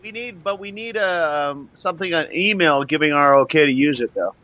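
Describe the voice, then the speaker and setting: A man in a casual chat, teasing with deadpan jokes. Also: fairly high pitch, brisk, no room sound.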